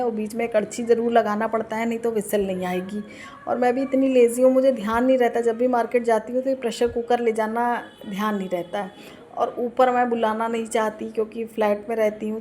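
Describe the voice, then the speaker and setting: A woman's voice: mid-range voice, mellow, slight background noise. A woman, narrating a voice-over for her home vlog, chatty and homely, explaining each step. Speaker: vlogger. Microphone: recorded voice-over.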